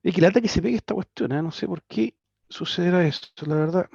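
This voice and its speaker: High-voiced Chilean history teacher. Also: male voice, fast talker, vocal fry, a little mellow, breathy edge, no room sound. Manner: conversational, with frequent tag questions and restarts. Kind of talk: online class lecture. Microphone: computer mic on a video call. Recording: dry, slightly dull video call audio.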